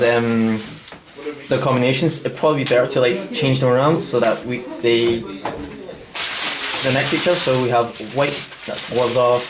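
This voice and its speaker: A man hosting a casual walkthrough in a busy game store at a midnight event, talking in a halting, stop-start way. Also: mid-range voice. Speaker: host opening card packs. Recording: echoey room with crowd chatter.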